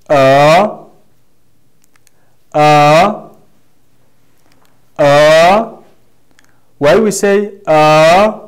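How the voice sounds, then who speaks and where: A man with a Tanzanian accent teaching a language lesson, drawing out his words slowly and repeating examples for the class. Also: on the high side, a little mellow. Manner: slow, drawn-out teaching delivery with repeated demonstrations.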